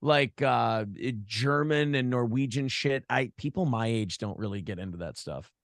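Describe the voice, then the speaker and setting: An American man from Minnesota, who hosts a podcast and a morning show, appears as an interview guest and chats casually, telling rambling stories in a blunt, profane way. His mid-range voice moves at a moderate pace, with studio-quality audio and no room sound.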